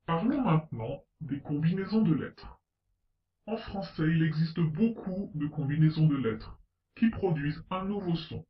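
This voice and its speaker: A man with a slightly raised voice narrates a language lesson at an unhurried pace. He sounds set back from the mic in a roomy, echoing space, and the sound is a little dull. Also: fairly high pitch, animated, recorded from a distance. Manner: slow, deliberate, spelling out letters and example words. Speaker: French pronunciation teacher.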